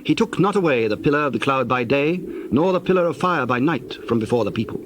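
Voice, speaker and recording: A man narrating dramatized scripture from a script, telling the story in a measured way. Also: mid-range voice, expressive, noisy background.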